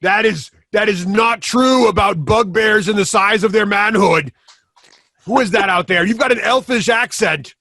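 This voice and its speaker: A man voicing an angry, big armored male bugbear who shouts from afar. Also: sits high, moderate pace, no room sound, pitched above the performer's own voice, full character voice. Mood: outraged.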